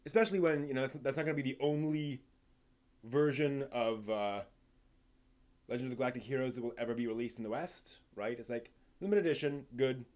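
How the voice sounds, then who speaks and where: A man runs a laid-back live stream where he comments on the news, his speech rambling and halting as he restarts sentences and leans on points that then trail away. He speaks in a mid-range voice that's a little mellow.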